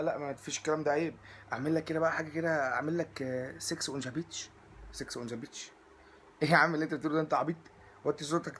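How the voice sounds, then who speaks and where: A young Egyptian man with an Egyptian Arabic accent, performing a comic monologue with rapid, animated storytelling and acted-out exchanges. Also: high voice, husky. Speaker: comedian.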